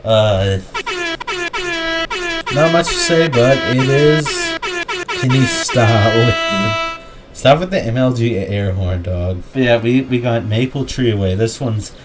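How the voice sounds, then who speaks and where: A man's voice: mid-range voice, takes it slowly, loud music behind the voice. A young man chatting casually while ranking game tracks, rambling with lots of restarts and jokey asides. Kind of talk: casual gaming chat.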